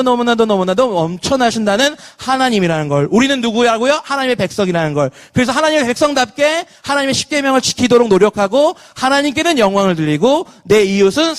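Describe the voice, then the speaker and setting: Children's pastor, man in his thirties, high-pitched, keeps quizzing the kids. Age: 30s. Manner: lively, asks children questions and leads call-and-response. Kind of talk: online children's sermon.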